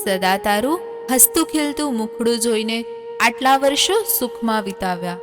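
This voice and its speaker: An actress playing a loving queen mother who tenderly gives her daughter advice in a soft, tearful voice. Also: on the high side, animated, moderate pace, natural voice. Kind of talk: devotional audio drama. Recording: long reverb, music underneath.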